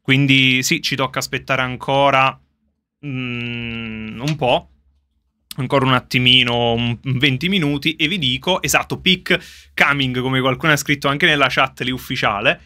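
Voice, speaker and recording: A man chatting casually to his viewers on a livestream from a soundproofed underground gaming room, excitable and quick to laugh. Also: medium pitch. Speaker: streamer reacting live to a game reveal. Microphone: streaming setup with facecam.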